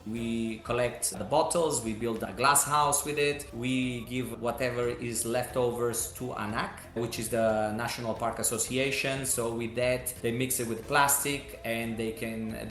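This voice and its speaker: A middle-aged man who grew up in Portugal, speaking English as an as a resort manager answering interview questions in steady, explanatory phrasing. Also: medium pitch. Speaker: resort general manager, guest. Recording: roomy echo.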